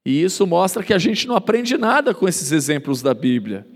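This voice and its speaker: Male pastor, sermon, animated pitch swings, emphatic delivery. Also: brisk. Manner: emphatic preaching, rhetorical questions, acts out quoted voices. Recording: long hall reverb.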